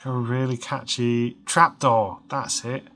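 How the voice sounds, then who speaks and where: A man in his thirties, slightly hoarse, rambling casually with lots of fillers while commentating a video game. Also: medium pitch, flat delivery, takes it slowly, sharp tone. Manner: rambling, chatty, many fillers and restarts. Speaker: game let's-play host.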